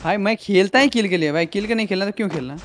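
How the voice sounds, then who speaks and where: High fast-talking Indian man. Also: slight background noise. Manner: excited callouts, quick talk. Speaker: gamer co-host. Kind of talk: casual gaming chat. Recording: game audio behind.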